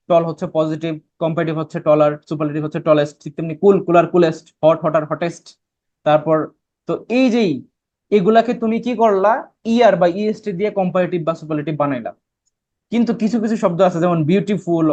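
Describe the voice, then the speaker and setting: Bangladeshi male tutor, slightly high voice, lectures patiently, checks if students follow, muffled recording. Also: a little mellow. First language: Bengali. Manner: explains step by step, keeps checking students understand. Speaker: admission test English teacher. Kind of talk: online class lecture.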